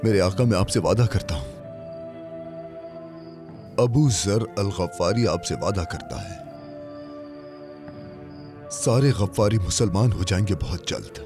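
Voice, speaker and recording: A man's voice: high voice, very animated, moderate pace, over music. A man voicing a devout, fearless male preacher in a dubbed film, proclaiming his faith with fervor. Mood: devoted. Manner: fervent, proclaiming. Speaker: dub actor. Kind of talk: Urdu film dubbing. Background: film score.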